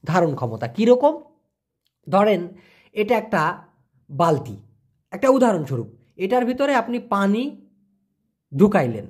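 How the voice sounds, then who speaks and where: This language teacher's voice is high and husky, swinging widely in pitch as he talks a little slowly and pauses often. He keeps his vocabulary lesson casual and chatty, repeating every word and illustrating it with examples from daily life.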